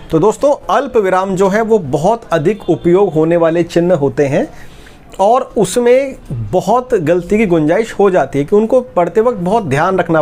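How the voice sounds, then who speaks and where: A man's voice: sits high, a little mellow, a little hiss or hum. A man explaining step by step in a tutorial and speaking to viewers as friends. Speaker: publishing instructor. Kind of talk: tutorial talk.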